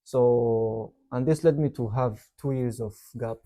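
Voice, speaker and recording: A young man from Yemen who grew up in Saudi Arabia answers interview questions in an easy, meandering way. His voice is very dark and mellow, and he leans on "like" and "you know" as he talks. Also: mid-range voice, unhurried. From Yemen, raised in Saudi Arabia. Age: young adult. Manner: relaxed, rambling, many "like" and "you know" fillers. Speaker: interview guest, university student. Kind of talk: casual interview chat.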